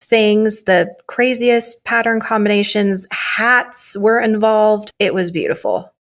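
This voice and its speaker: A woman's voice: mid-range voice, slow pace. Chatty laughing woman podcast co-host. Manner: chatty, laughing, self-deprecating. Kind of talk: casual chat.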